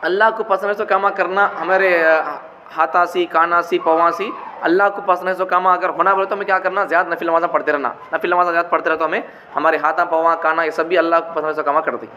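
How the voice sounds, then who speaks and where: A man's voice: on the high side, fairly even intonation, fast talker, pushed and bright. A man giving a religious teaching talk, repeating his points and asking rhetorical questions. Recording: dull, echoey hall with faint noise.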